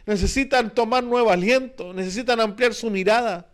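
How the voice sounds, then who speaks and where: A pastor with a Chilean Spanish accent preaches a sermon to his congregation in a very high voice at normal speed. He presses his points earnestly, circling back with repeated phrases and rhetorical questions.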